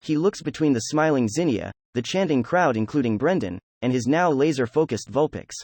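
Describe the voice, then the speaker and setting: A man narrating a fan fiction audiobook in an even storytelling delivery. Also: medium pitch, a little fast, no echo, clean studio sound. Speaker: audiobook reader.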